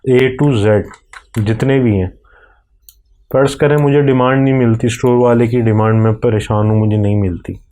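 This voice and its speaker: A man with a Pakistani accent guides a software screen recording, explaining each click in a slow, step-by-step way. His voice sits at an ordinary pitch with a dark, mellow tone. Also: fairly even intonation. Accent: Urdu-Hindi speaking, Pakistani. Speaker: software tutorial presenter.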